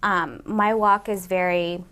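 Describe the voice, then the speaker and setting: A woman in her late thirties from Seattle, Washington, USA, speaks in a fairly low, bright, forceful, clean voice, slow and fairly even in intonation. She's a comedian guest chatting casually in an interview. She rambles chattily, leaning on lots of "like" and "you know."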